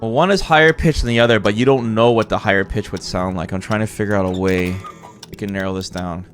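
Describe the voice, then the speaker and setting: A man's voice: on the low side, fast, faint music behind. Casual young man thinking aloud. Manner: thinking aloud, laughs often. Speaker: streamer. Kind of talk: casual co-op game chat.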